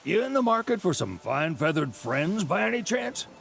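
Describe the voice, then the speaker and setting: A man's voice: high-pitched, big pitch swings, normal speed, creaky, a bit bright, a little hiss or hum, full character voice. An actor playing a genial, folksy old rancher in a video game, with a Southern American accent and chatty salesman's patter. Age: older. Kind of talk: video game character dialogue.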